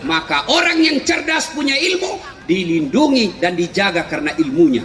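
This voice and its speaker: A middle-aged man preaching a comic sermon, animated, often shouting and laughing through his punchlines. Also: high voice, moderate pace. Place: large hall with a live audience. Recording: echoey hall, faint crowd and noise.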